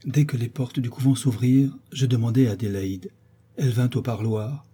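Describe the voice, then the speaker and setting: A man reading a classic novel aloud as a measured first-person storyteller. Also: medium pitch, fairly even intonation, warm tone, husky. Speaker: audiobook narrator.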